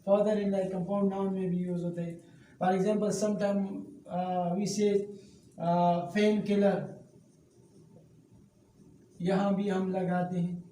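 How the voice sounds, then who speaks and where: A male teacher with a fairly high, mellow voice walks through a grammar lesson one step at a time, regularly checking in with his listeners. He sits back from the microphone in an echoey room, with a faint hiss underneath. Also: flat delivery, slow pace, pauses often. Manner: explains step by step, often checking in with "okay". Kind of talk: classroom-style grammar lesson. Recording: echoey room, distant mic, faint noise.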